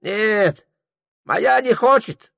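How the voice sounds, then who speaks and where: A man's voice: high-pitched, expressive, very slow, gravelly, a bit bright, dry recording, clean studio sound, voice pushed up, full character voice. A man voicing an elderly hunter who speaks in broken grammar and short, clipped exclamations. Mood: stubborn, warning. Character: elderly Tungus hunter man, stubborn, fearful.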